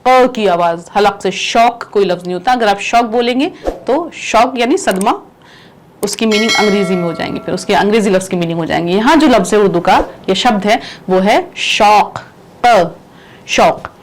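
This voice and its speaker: A woman's voice: mid-range voice, slight background noise, poor audio. A woman teaching a language lesson, repeating words and explaining how to pronounce and spell them. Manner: explains pronunciation. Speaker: Urdu teacher.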